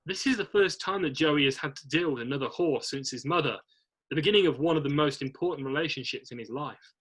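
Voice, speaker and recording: Scripted stage directions are read aloud by a male narrator whose fairly high, forceful voice carries a husky, rough edge. He goes fast, and the recording is rough.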